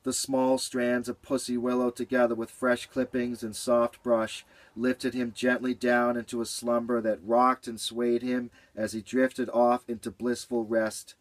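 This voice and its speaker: A man reading a children's story aloud in a gentle, rhythmic way with lots of repetition. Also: mid-range voice, level tone, unhurried, few pauses, no echo.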